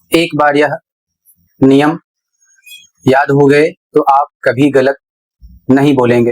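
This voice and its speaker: A man teaching English pronunciation in a slow, explanatory lesson, spelling words out letter by letter. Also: mid-range voice, poor audio.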